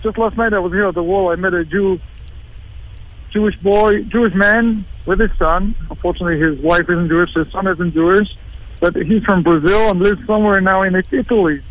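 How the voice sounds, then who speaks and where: Rabbi from england on a live radio call, high voice, relaxed, kinda halting. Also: male voice, rough recording. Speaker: rabbi, interview guest. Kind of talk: interview by phone, live remote.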